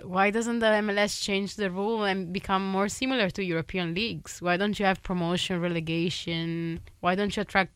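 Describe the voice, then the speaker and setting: A woman's voice: medium pitch, fairly even intonation, fairly quick, few pauses, fairly bright tone, smooth, no room sound. A woman who is a guest reporter in a casual radio chat, asking pointed questions.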